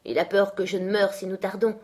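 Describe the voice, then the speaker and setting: A woman's voice: medium pitch, little pitch movement, a little fast, mellow, close to an everyday voice. A woman reading aloud, voicing a sickly, cowardly young man who speaks in a raised, plaintive, whining tone. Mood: petulant.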